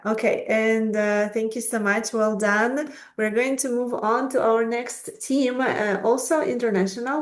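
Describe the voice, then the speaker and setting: A woman moderating a live online student conference over a video call, chatty and encouraging, with many fillers. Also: on the high side.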